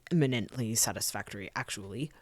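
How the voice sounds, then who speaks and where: Someone reading as a calm, clipped admiral. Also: medium pitch, fast, dry recording, lightly acted. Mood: approving. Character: calm, aloof male admiral, hard to read.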